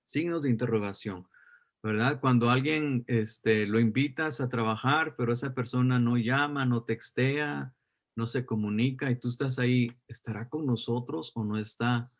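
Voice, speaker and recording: A man's voice: mid-range voice, normal speed. A man teaching a church course as a pastor, repeating his key phrases and putting questions to his listeners. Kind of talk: sermon teaching.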